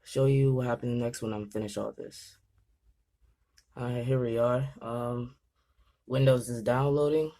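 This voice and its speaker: Young male vlogger, jittery and chatty, trips over words while setting up a PC; mid pitch. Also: fairly even intonation, unhurried, pauses often, warm tone. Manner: nervous, rambling, stumbles over words. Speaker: gaming channel host. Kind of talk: casual vlog commentary.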